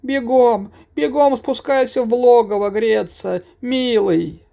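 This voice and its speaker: A man's voice: slow, vocal fry, warm tone, exaggerated voice. A man voicing a fussy old grandmother wolf spirit who grumbles and wails in a storybook. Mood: wailing. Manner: grumbling, then shrill wailing.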